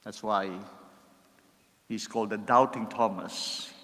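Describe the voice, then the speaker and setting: A middle-aged man giving a homily as a priest at a lectern, preaching in a measured, deliberate way with rising emphasis on key words. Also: fairly low pitch, fairly even intonation, bright, forceful tone. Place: church, at a lectern. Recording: church livestream with long reverb.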